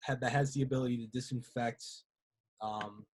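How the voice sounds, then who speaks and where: A man's voice: mid-range voice, steady tone, moderate pace. A young man, a student entrepreneur, explaining his work casually in an unscripted interview. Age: young adult. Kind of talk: interview answer.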